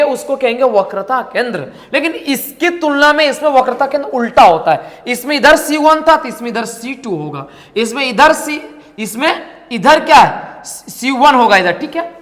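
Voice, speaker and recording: High-voiced man teaching in a reverberant room. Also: a bit bright. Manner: asks rhetorical questions and answers them himself, repeats phrases. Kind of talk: classroom-style lecture.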